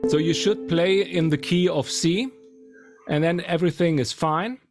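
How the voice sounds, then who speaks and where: A man demonstrating guitar amp settings, explaining in a halting way. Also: a little high, fairly even intonation. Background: faint guitar playing.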